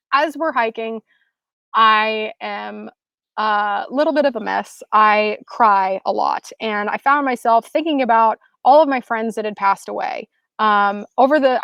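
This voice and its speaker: Lively woman in her thirties telling a story. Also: no room sound. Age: 30s. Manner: animated, acts out quotes with high bursts; casual, lots of "like". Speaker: speaker. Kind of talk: storytelling talk.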